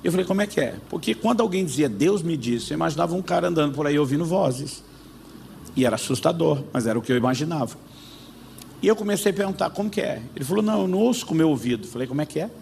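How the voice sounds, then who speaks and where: A Brazilian pastor preaching in a lively storytelling way, acting out each side of a remembered conversation. His voice sits slightly high and has a gravelly edge. Faint background noise runs under the recording. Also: fast. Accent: Brazilian Portuguese. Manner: lively storyteller acting out both sides of a dialogue. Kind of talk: sermon storytelling.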